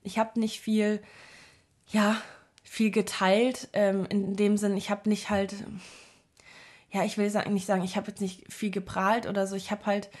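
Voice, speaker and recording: A woman's voice: medium pitch, darkish tone. Earnest woman rambling to her viewers. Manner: earnest, rambling, many fillers and restarts. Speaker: vlogger giving self-help advice. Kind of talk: casual reflective monologue to viewers.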